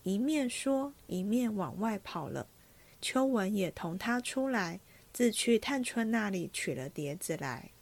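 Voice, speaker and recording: A woman reading a classic novel aloud in an even storytelling manner. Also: mid-range voice, a little slow, gravelly. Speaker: reader.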